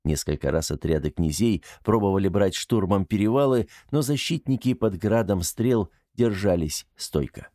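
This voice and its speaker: A man's voice: low-pitched, lively intonation, normal speed, few pauses, dark tone, no echo, studio quality. A man reading fiction as an audiobook narrator, in a scripted storytelling style.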